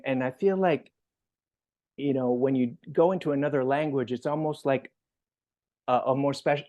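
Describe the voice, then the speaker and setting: Man, interview host, rambling, many restarts, mid-pitched voice. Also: mellow. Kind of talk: casual interview.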